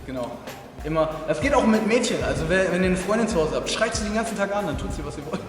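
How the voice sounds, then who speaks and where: A man's voice: high voice, animated, quick pace. A man hosting a martial arts video in a dojo, chatting jokingly to the camera with boisterous mock instruction. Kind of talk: joking tutorial chat to camera. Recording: very echoey hall, music behind.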